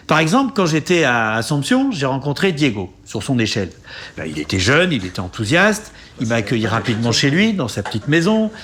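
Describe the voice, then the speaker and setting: A man's voice: mid-range voice, fairly bright tone. A man hosting a travel show, narrating in a casual, chatty way and often laughing.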